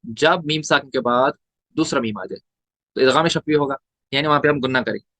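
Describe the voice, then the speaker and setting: Speaking a little fast in a medium pitch with a slightly bright tone, a Quran recitation teacher leads a tajweed lesson. He breaks down letters and vowel marks individually, asking questions and answering them himself, and the recording has no room sound.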